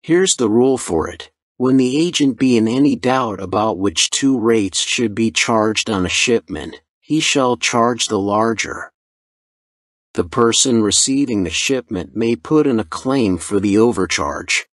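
A stubborn express agent who sticks firmly to his rules, voiced by a male narrator. He speaks slowly and flatly in a dry, close sound, close to the narrator's own voice. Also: lowish voice, no room sound. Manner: firm and stubborn.

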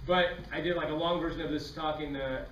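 A man with a high, bright voice tells comic stories at a quick clip, acting out voices as he goes. He is heard from a distance in an echoey hall, with faint room noise behind him. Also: lo-fi sound. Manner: animated, acts out voices while telling stories. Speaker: comedian giving a talk. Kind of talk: storytelling comedy talk. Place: lecture hall with a live audience.

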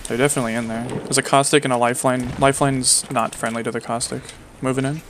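A man's voice: mid-range voice, flat delivery, quick pace. Crude joking gamer guy, fan noise. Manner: joking, crude, laughs often. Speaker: streamer playing with a friend. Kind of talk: casual gaming chat. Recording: loud fan noise behind the mic.

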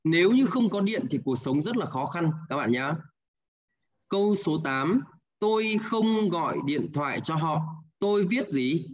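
An unhurried, expressive man with a fairly high voice and a Hanoi Vietnamese accent leads an online English lesson. He patiently repeats answers, checks in with students as he moves through exercises, and ends with "đúng không ạ?", all captured in lo-fi sound.

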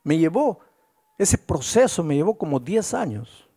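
A male pastor preaching a storytelling sermon, with swooping pitch and frequent rhetorical questions to the congregation. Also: big pitch swings, measured pace, dark tone, breathy edge.

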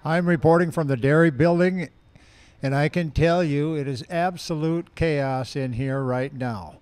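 A man's voice: a little high, a little slow, a little mellow, smooth. A middle-aged man reading a mock field report into a handheld mic.

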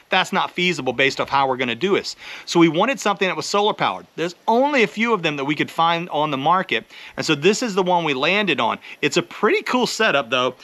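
A man's voice: fairly high pitch, sharp tone. A middle-aged man, host of a homesteading channel, explaining step by step in a casual, practical way while filming himself outdoors beside a chicken coop. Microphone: handheld camera at arm's length.

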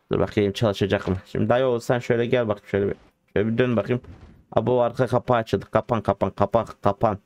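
A man's voice: medium pitch, slight background noise. A man giving casual, joking commentary over a driving game, talking to the game and to his viewers. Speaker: gaming streamer.

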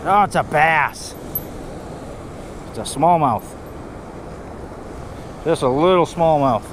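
On a rocky riverbank outdoors, a fishing vlogger with a New England accent talks casually to his head-mounted action camera, giving cheerful play-by-play of his river fishing. His voice is a little high and expressive, and his delivery is slow. You can hear faint river and wind sounds.

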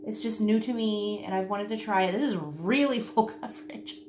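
A woman's voice: mid-range voice, moderate pace. A woman in her thirties chatting casually through a makeup tutorial as a beauty vlogger, repeating herself for emphasis. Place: small indoor room at home, seen on camera. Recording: roomy home recording with faint noise.

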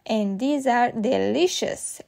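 Casting: jolly storybook dad pig, read by a woman, high-pitched, hearty, easygoing. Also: slow, creaky, a little mellow.

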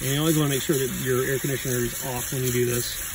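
A man's voice: mid-range voice, level tone, rapid-fire. A man in his thirties hosting a home maintenance vlog, talking plainly with fillers and restarts, filmed on a phone at arm's length outdoors in a suburban yard. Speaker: home maintenance channel host. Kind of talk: casual how-to vlog. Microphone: phone camera at arm's length. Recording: outdoor phone audio with clear background noise.

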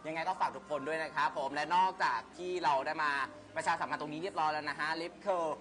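A male live-show host with a high voice and a bright, punchy tone. He presents playfully, bantering and exclaiming as he goes. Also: steady tone, quick pace, soft background music.

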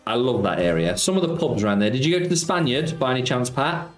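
A man's voice: medium pitch, lively intonation, fast. A middle-aged man from Nottingham, live-streaming and chatting casually, reading viewer messages aloud and greeting them with cheeky banter. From Nottingham, England. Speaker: slots streamer. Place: home streaming room, indoors. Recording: echoey room, faint background music.

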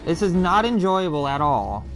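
A man's voice: a little high, very animated, moderate pace. A man streaming gameplay live, reacting with frustrated outbursts and a lot of swearing. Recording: game music playing behind.

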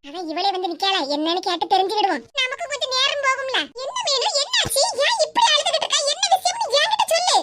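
A woman's voice: extremely high pitch, expressive, fast talker, few pauses. A woman voicing a scheming, sweet-talking village neighbor in a cartoon, with a Tirunelveli Tamil accent, muttering sly asides. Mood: coaxing. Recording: loud background noise.

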